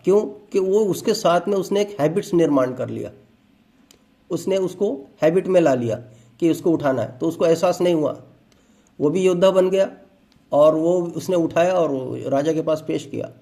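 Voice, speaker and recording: A man's voice: on the high side, normal speed, vocal fry, dark tone. A man giving a motivational health talk, explaining with everyday examples and asides.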